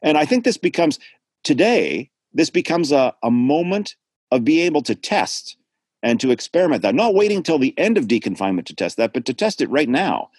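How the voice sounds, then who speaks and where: A man with a slightly high voice speaks briskly, recorded at studio quality with no echo. An art theorist joining a discussion by video call from home, he talks at length in a reflective, lecture-like way, thoughtful and digressive with lively intonation.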